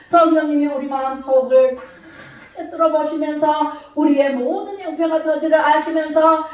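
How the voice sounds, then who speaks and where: A high-pitched woman preacher delivering a lively sermon, tossing questions to her congregation and acting out loud cries. Her voice booms around a very echoey church hall and sits well back from the microphone. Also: normal speed, far from the mic, muffled recording. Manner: lively, calls out questions to the congregation, acts out shouting. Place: church sanctuary.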